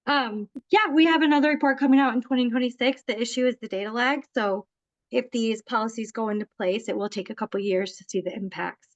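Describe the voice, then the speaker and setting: Out of breath woman researcher, kinda high voice, muffled far away audio. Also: fairly quick, no echo.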